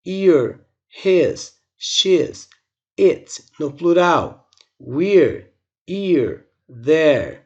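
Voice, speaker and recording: Brazilian male teacher, slightly high voice, slow, methodical, lo-fi recording. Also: vocal fry. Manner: slow, explains step by step and drills examples. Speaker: English teacher. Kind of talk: recorded online grammar lesson.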